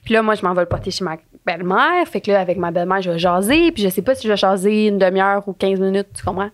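A woman's voice: mid-range voice, fast. A young pregnant-age woman with a Quebec French accent, co-hosting a podcast in blunt, teasing casual chat with frequent laughs. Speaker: podcast co-host.

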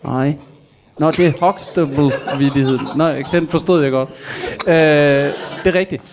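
A man's voice: a little high, a crowd in the background, lightly acted. Man playing a rambling, boastful tall-tale teller. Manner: stammering, halting, with frequent fillers and self-corrections. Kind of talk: improvised comedy interview.

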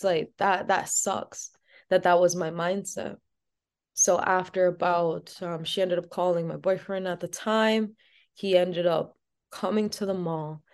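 A woman as an interview guest, telling a personal story in a casual, chatty way with many "like" fillers. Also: lowish voice.

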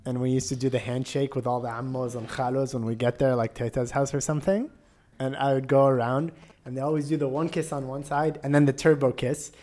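A man joining the chat as a guest, telling a story in an animated way. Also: mid-range voice, brisk. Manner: animated storyteller, acts out quotes. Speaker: guest, a host's brother. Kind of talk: casual chat.

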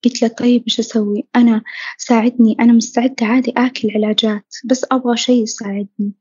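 A fairly high, husky woman's voice recounts her own story in a reflective, earnest way, sometimes sinking almost to a whisper. The tone is mellow and dark, recorded dry and close. The sound is dull and lo-fi. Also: level tone, fast talker, no room sound. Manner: reflective, earnest, dropping to soft near-whispers. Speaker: podcast guest sharing her story. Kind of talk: personal storytelling.

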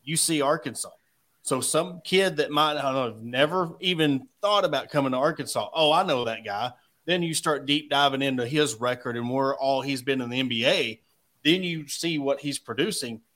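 A man's voice: medium pitch, normal speed, fairly bright tone. Folksy man hosting sports talk.

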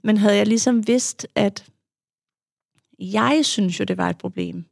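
Young woman guest, frank and reflective, very gravelly voice, dry close sound. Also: mid-range voice, no echo. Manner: frank, reflective, with frequent fillers. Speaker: guest, adult child of an alcoholic; youth therapist. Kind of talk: candid conversational storytelling.

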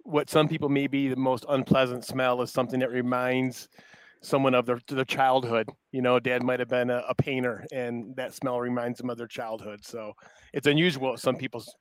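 A man's voice: medium pitch, level tone, normal speed, clean tone, no room sound. A man hosting a home-improvement radio talk show, chatting with a guest and often restarting his sentences.

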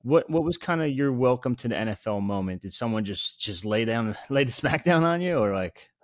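A man's voice: mid-range voice, lively intonation, brisk, no room sound. Man hosting a podcast, dry sound. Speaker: podcast host. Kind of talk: casual podcast interview.

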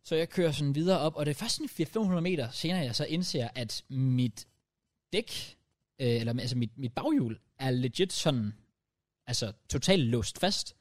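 A young man on a podcast, telling a story in lively casual chat and dropping English slang into his speech. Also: mid-range voice. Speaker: podcast co-host.

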